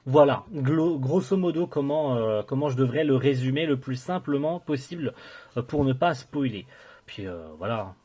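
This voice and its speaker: A man's voice: mid-range voice, lively intonation, normal speed, dark tone. A young man casually reviewing a collector's box set, enthusiastic but hesitant, with many fillers and restarts.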